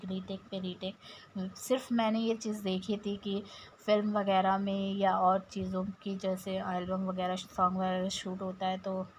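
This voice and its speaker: A woman's voice: mid-range voice, slight background noise, poor audio. A woman with an Indian accent narrating her home vlog to viewers in a chatty, step-by-step way. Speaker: vlogger. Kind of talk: casual vlog voice-over.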